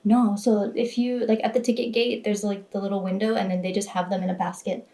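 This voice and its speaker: A woman at an ordinary mid pitch, hosting a casual sit-down chat. She talks in a loose, explaining way, full of little fillers. She sounds easygoing and conversational. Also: flat delivery, brisk, warm tone. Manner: chatty, explanatory, filler-heavy. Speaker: host.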